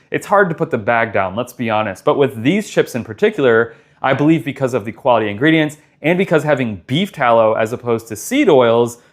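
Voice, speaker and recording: Male vlogger, mid-pitched voice, casual and enthusiastic product reviewer with emphatic delivery.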